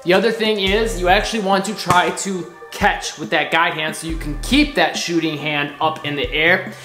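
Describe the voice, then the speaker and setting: This instructional basketball drill demo features an upbeat man in his thirties, seated on a couch in his living room and showing the moves as he explains them. His high voice has fairly even intonation and a normal speed, and the room echoes with faint music in the background.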